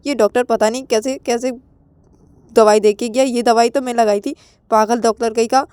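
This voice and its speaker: A frantic young woman in a storybook romance, as a woman narrator puts her on, her voice pitched high and pushed loud. She stammers and trips over repeated words, too worried to sit still. The sound is dry and close, with no room around it. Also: steady tone, normal speed, clear, resonant tone, no room sound, lightly acted. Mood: agitated.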